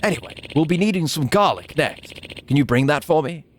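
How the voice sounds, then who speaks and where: A man's voice: fairly high pitch, expressive, brisk, slight background noise, voice pushed up, lightly acted. A man voicing an earnest, grateful old scholar in a formal manner, reading out video game dialogue. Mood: pleased, earnest.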